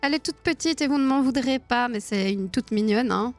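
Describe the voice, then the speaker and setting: A woman's voice: a little high, brisk, faint music behind. A woman hosting a casual live stream, chatting with her viewers, laughing often and filling her talk with hesitations. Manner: chatty, laughs often, many fillers and restarts.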